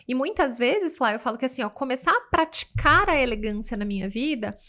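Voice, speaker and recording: A woman co-hosting a podcast, speaking in a calm, measured, reflective way. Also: high-pitched. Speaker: podcast co-host.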